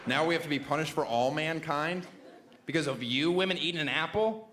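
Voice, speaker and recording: A man performing a stand-up comedy set, sardonic and deadpan, slipping into shrill mock voices. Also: brisk. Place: comedy club stage before a laughing audience. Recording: echoey room with loud crowd.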